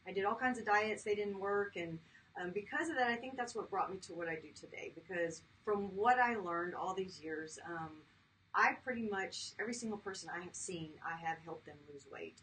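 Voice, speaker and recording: A woman's voice: mid-range voice, normal speed, fairly bright tone. Chatty woman in her fifties. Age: 50s. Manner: chatty, laughs easily, many fillers. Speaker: guest, chiropractor. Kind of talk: casual interview talk. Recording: distant mic with faint background noise.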